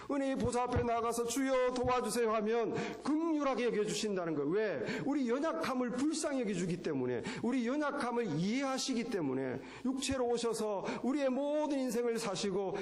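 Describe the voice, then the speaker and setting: Man, pastor, sermon, higher-pitched voice, rhetorical questions, echoey church hall. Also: a little mellow. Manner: preaching with dramatized quotes and rhetorical questions. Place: church sanctuary.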